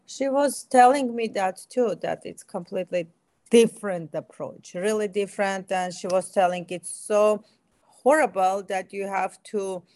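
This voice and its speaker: Her Armenian accent marks this middle-aged physician in aesthetic medicine, who responds to interview questions with eager, emphatic energy. She speaks at an unhurried pace in a medium-pitched, slightly mellow voice, and the recording is dry.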